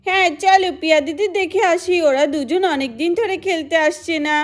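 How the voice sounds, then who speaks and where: A woman's voice: extremely high pitch, fairly quick. A woman voicing a naughty little village boy who teases and giggles. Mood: teasing. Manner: teasing, giggly.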